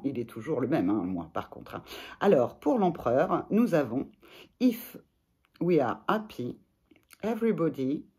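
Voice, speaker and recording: Soft-spoken husky woman coach. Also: low-pitched. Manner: gentle, hesitant with many fillers. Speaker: sophrologist and life coach. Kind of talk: casual advice talk to camera.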